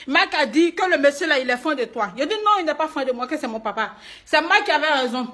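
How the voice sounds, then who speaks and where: Live on video from inside a private home, an upset woman who is a singer and stage performer tearfully pleads her case, repeating herself in an emotional rant. Her voice is high with a sharp tone.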